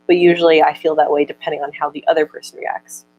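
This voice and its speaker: This young woman chats casually in a deep, flat voice with a darkish tone, and the sound is lo-fi. She stutters often, repeating words and breaking off syllables as she answers viewer comments, which she reads out more slowly.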